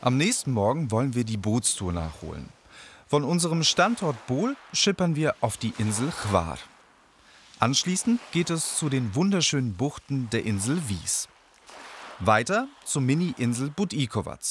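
A man from Frankfurt narrating a travel vlog in a scripted voice-over, telling the story in a lively way. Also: medium pitch, moderate pace, slight background noise. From Germany, Frankfurt.

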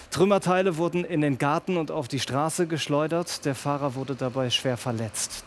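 A man anchoring a regional news broadcast, speaking in a slightly raised register. His delivery is brisk and clear, like a practiced newsreader moving from story to story. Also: fairly high pitch, a little hiss or hum.

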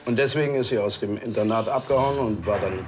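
A man's voice: fairly low pitch, fast talker, in a large hall, over music, lightly acted. A man playing a police detective who questions in a probing, ironic, conversational way.

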